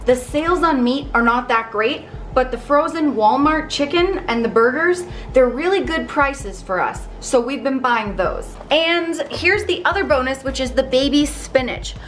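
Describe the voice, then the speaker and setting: A woman's voice: sits high, expressive, moderate pace, few pauses, fairly bright tone, faint music behind. A woman in her thirties, from Canada, chatting step by step through a meal prep in her home kitchen. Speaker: vlogger. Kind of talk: casual cooking vlog.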